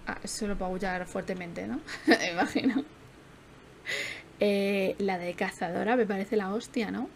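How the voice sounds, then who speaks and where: A young woman chats through a life-sim stream with a mid-pitched voice. She sounds a little worn out, laughs easily and swears in casual asides. A faint background noise runs beneath her. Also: a little slow, gravelly, long pauses. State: tired. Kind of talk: casual gameplay commentary.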